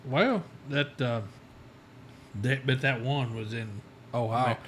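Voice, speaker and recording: A man hosting a casual chat, easygoing and quick to agree. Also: medium pitch, little pitch movement, slight background noise. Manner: easygoing, lots of short agreeing replies and laughs. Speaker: host.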